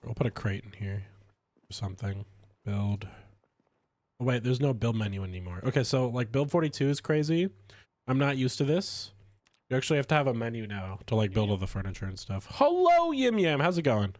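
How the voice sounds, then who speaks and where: A man chatting casually while streaming a game, stuffy from a cold, rambling with lively swings in pitch. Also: a little fast, no room sound. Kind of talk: casual gameplay commentary.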